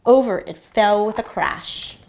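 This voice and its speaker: Pausing to put questions to her young listeners, a woman teacher gives an expressive, instructive storybook read-aloud. She speaks at a medium pitch.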